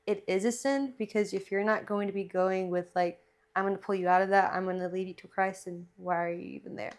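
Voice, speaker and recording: Female podcast co-host, medium-pitched, earnest and conversational on faith, pronounces R as W. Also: fairly even intonation, fairly quick. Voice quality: trouble pronouncing R's, says w for r. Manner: earnest, impassioned, heavy use of "like". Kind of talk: casual faith discussion.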